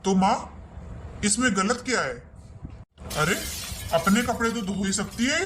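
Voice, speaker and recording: Cartoon son and husband, exasperated peacemaker, voiced by a man; high voice. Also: a little slow, fairly bright tone, a little hiss or hum. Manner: exasperated, firm. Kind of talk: cartoon voice acting.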